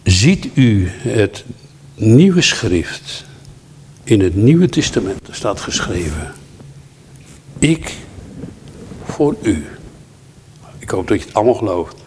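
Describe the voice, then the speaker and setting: A man's voice: fairly low pitch, big pitch swings, takes it slowly, pauses often, darkish tone, slight background noise. Earnest man preaching a sermon. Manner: earnest, quotes scripture and hymns. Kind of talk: sermon with storytelling.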